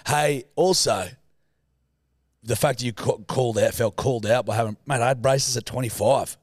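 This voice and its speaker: A man's voice: mid-range voice, moderate pace, no echo, studio quality. An Australian man co-hosting a podcast with casual, blokey, sweary banter. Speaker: podcast co-host.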